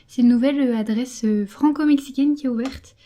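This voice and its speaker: A young woman vlogs casually to her camera while out in town on a café terrace, her voice sitting high with a brisk, warm tone. She fills her chat with lots of fillers and repeated words.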